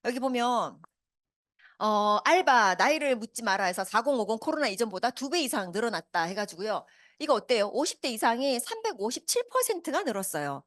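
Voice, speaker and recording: A lively woman in her fifties presents at a business meeting, her pitch rising high and swinging widely as she questions the crowd. She talks quickly and keeps her delivery upbeat. The sound is dry and close, with no room echo. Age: 50s. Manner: animated, asks the audience many questions. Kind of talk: motivational seminar talk. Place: meeting hall with a live audience.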